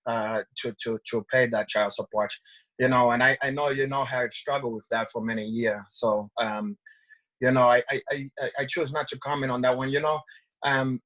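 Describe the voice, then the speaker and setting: A man's voice: mid-range voice, fairly even intonation, moderate pace, a bit bright, lightly acted, low-quality recording. A middle-aged man playing a boastful, crude fighting legend, stumbling and rambling as he takes callers on a video call. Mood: cocky. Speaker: show host taking callers.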